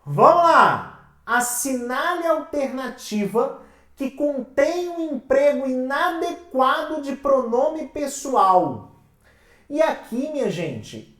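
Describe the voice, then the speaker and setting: Woman, Brazilian Portuguese accent, exam-prep teacher, animated pitch, answers her own questions. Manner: asks the class questions and answers them herself; calls the listeners "minha gente". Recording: roomy sound from a distant mic.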